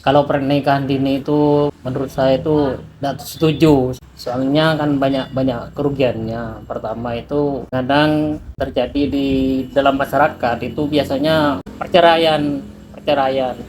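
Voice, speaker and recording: A man's voice: medium pitch, fairly even intonation, unhurried, a little mellow, rough recording. A man from East Java gives his opinion to an interviewer in a tentative way. He hedges and repeats his words as he gathers his thoughts. A faint ambient hum sits behind him. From Jember, East Java. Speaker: villager interviewed. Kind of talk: interview answers.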